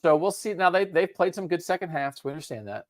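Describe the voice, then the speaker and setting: Animated man talking college football. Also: quick pace, dry recording, clean studio sound. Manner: animated, pitch jumping up on emphasis. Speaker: co-host. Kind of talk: casual sports talk.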